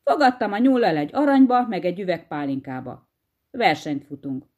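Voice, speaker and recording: A woman voicing a sly, unhurried male hedgehog farmer in a storybook tale, crafty and bossy. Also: on the low side, lively intonation, darkish tone, muffled recording. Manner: easygoing, crafty, bossy to his wife.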